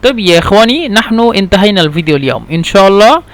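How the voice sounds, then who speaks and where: A man with a high voice teaches a language lesson. He repeats each phrase again and again and spells words out letter by letter. His pace is patient and careful. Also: sing-song, no room sound. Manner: patient and repetitive, slow careful drilling. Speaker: Arabic teacher.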